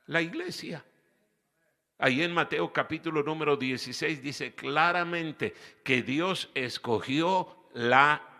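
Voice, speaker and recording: A man's voice: medium pitch, bright, forceful tone, long reverb tail. A man preaching a sermon as pastor, with rhetorical questions and emphatic repetition. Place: church hall.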